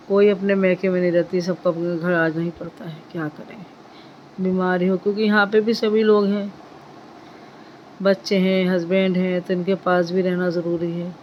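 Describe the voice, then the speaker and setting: A woman's voice: lowish voice, level tone, moderate pace, lo-fi sound, a little hiss or hum. A middle-aged woman, chatting casually to her vlog viewers and often thanking God. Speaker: vlogger. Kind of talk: casual vlog chat to camera.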